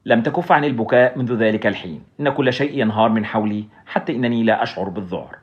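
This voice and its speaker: A man voicing a courteous young male doctor, polite and calm but worried, in a spoken storybook. the delivery is quick, and the recording sounds dull and lo-fi. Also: mid-range voice, close to an everyday voice.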